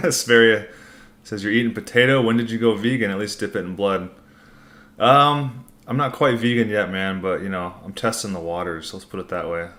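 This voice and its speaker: A man's voice: fairly low pitch, fairly even intonation, moderate pace, a bit bright. A man hosting a casual livestream Q&A, reading out comments and answering in a laid-back, informal, rambling way. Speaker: livestream host.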